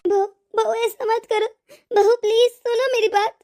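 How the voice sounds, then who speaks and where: An injured, self-pitying old mother-in-law in a cartoon, played by a woman, tearful and full of remorse. Her voice sits very high and thin. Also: little pitch movement, normal speed, darkish tone. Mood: pleading. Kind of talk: cartoon voice acting.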